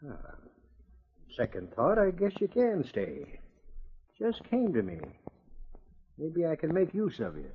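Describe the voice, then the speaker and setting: A shady, calculating frontier storekeeper, mid-pitched and animated. The old-time radio drama has faint hiss behind it. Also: male voice, takes it slowly, pauses often, heavily acted. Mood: guarded, calculating. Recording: dull, hissy, clicking old radio recording.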